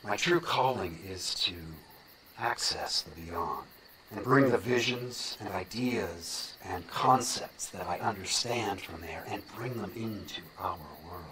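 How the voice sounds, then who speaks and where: An actor playing an intense, mystical male sculptor and researcher who talks slowly, at times in a near-whisper. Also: on the low side, natural voice, low-quality recording. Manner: slow, intense, half-whispered. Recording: crowd murmur behind.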